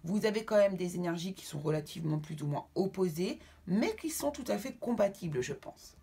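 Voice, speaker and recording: A woman reads tarot cards for the people watching her channel. She speaks reassuringly and keeps checking that her listeners are following. Her voice is husky and slightly breathy. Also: on the low side, lively intonation, fairly quick, mellow. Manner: affectionate sign-offs to viewers. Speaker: tarot card reader. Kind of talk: tarot reading addressed to viewers.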